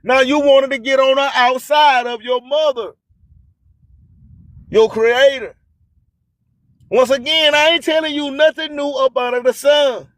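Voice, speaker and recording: This internet radio host's voice sits at an extremely high pitch, a bit bright and steady in tone, moving a little slowly with long pauses. He preaches a motivational spoken-word monologue built on repeated, rhyming catchphrases, recorded with no echo.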